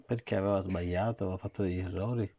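A middle-aged man reading a bedtime story aloud to his son and gently, patiently asking him questions about it. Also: low-pitched, fairly even intonation, fast talker. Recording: dull lo-fi recording.

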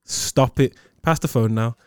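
A man's voice: mid-range voice, unhurried, clear, resonant tone, dry recording. A man in his twenties with a London roadman accent, bantering casually in heavy slang. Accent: London roadman, Multicultural London English. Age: 20s. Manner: slang-heavy, punctuating with "bro" and "innit".

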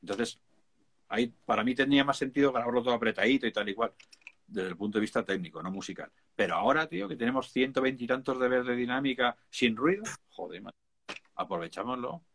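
A man's voice: mid-range voice, animated, fast talker, fairly bright tone. Casting: Spanish-accented man, music producer, casual slangy chat, emphatic. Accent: Spain Spanish. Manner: chatty, informal, emphatic, peppered with slang.

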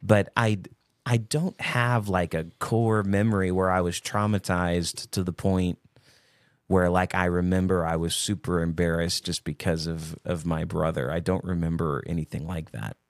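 A man hosting a casual podcast with his brothers, talking in a relaxed, rambling way. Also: sits low, normal speed, no room sound, studio quality. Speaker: podcast host. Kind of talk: casual chat.

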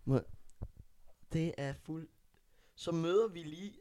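A man's voice: fairly high pitch, mellow, dry recording, studio quality. A young man, co-hosting a podcast and answering with short replies and laughs. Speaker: podcast co-host. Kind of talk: casual chat.

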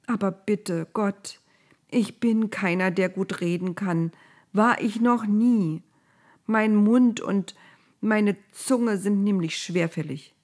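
Storybook Moses, jittery man, pitched up, protesting, woman reader voicing him. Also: slow. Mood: pleading. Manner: agitated, interrupting, higher and louder than the narration. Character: anxious, reluctant shepherd Moses, man, easily startled. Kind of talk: storybook reading.

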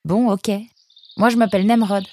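A woman voicing a young male fox in a children's storybook, speaking high and quick to protest. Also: fairly even intonation, a little mellow, close to an everyday voice. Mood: pleading.

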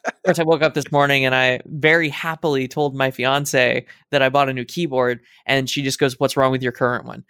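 A man's voice: mid-range voice, little pitch movement, normal speed, a bit bright, clear, resonant tone, no echo, clean studio sound. A man co-hosting a casual podcast, talking in wry, self-deprecating, rambling asides. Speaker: podcast co-host. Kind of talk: casual chat.

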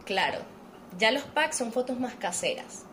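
A woman's voice: on the high side, lively intonation, unhurried, a bit bright, a little hiss or hum. A woman from Venezuela with a Caribbean Spanish accent, chatting casually and telling her own story in informal, slangy talk. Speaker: podcast guest, actress and model.

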